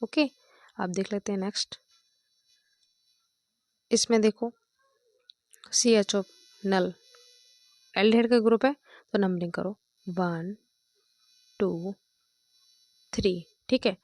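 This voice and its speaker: A woman's voice: medium pitch, steady tone, slow, long pauses, no room sound. A woman chemistry teacher explaining step by step, counting aloud and checking in often with her students. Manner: counts out loud, checks with "thik hai" and "dekho".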